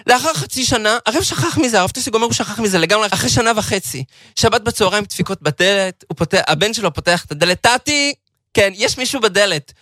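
A lively, sing-song man telling a religious story. The recording is dry and close, with no room sound. He acts out each person in the tale with animated swings of pitch. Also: dry recording. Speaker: religious lecturer. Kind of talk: storytelling Torah talk.

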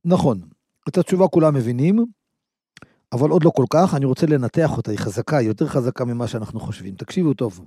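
A man's voice: medium pitch, warm tone, husky, no echo, clean studio sound. A man giving a sermon to listeners, telling stories and asking rhetorical questions. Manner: storytelling, rhetorical questions, checks in with "right?". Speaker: rabbi or preacher.

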